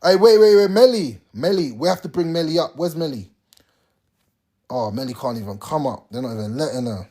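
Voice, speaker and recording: A young man talks straight to his livestream viewers, lecturing them in blunt street slang. His voice is husky, and his pitch leaps up and down as he gets worked up. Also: expressive, fairly quick, mellow. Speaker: live streamer. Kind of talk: casual advice on a livestream.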